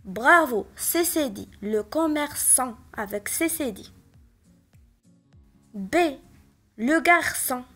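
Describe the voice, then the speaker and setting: Patient high-voiced Moroccan teacher. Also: female voice, lively intonation, a bit bright, faint music behind. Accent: Moroccan Arabic. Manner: slow, patient, spells out each word. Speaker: primary school teacher. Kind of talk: remote French spelling lesson explained in Arabic.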